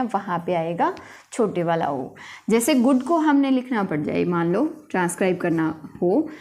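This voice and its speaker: Woman teaching phonetics, slow patient explaining, repeats examples, sometimes turns from the mic. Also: a little high, a little mellow. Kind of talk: phonetics lesson at a board.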